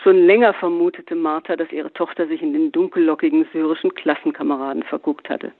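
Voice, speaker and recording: A man narrates a literary story in a measured, even way, with his voice sitting a little high. The sound is narrow and thin, like a phone line. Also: dry recording. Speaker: reader. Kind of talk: literary reading.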